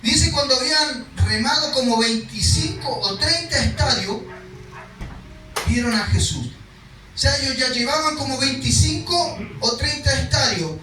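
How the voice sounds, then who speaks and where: A male pastor with a very high, bright voice, preaching a sermon in a very echoey hall. He stands some distance from the mic, and soft music plays behind him. He reads scripture and then explains it conversationally, sometimes acting out the cries in the story. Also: unhurried.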